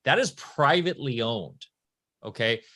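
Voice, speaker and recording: A man with a mid-range, bright, forceful voice hosts a podcast, speaking expressively and a little slowly. The talk is casual conversation, and he rambles, frequently restarting and correcting himself mid-sentence.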